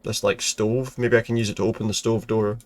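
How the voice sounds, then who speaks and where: A man's voice: fairly low pitch, flat delivery, fairly quick. A man giving casual, joking commentary as he plays a video game, dryly repeating lines back. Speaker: gamer commentator. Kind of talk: casual let's play commentary.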